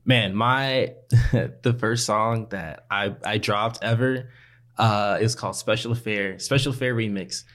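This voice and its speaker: An American man in a casual chat, speaking informally and a little haltingly as he reflects. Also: on the low side, fairly bright tone. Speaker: recording artist. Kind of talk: casual podcast-style chat.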